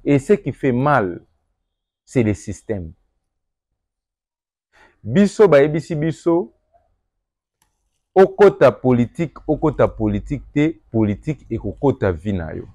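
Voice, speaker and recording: A young Congolese man with a Congolese French accent giving an earnest address to viewers, moving between calm reflection and emphatic appeals. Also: fairly high pitch, no room sound, clean studio sound. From Democratic Republic of the Congo. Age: young adult. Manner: earnest, rising to emphatic, mixes French and Lingala. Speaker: political commentator.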